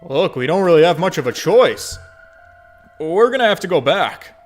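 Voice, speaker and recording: A man voicing a big, steady man in a game reading, speaking in a firm, matter-of-fact way. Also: fairly high pitch, moderate pace, faint music behind, pitched above the performer's own voice.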